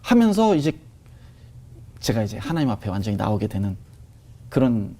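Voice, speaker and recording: A man sharing a personal testimony in conversation, telling it in an animated way with many fillers. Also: lowish voice, normal speed.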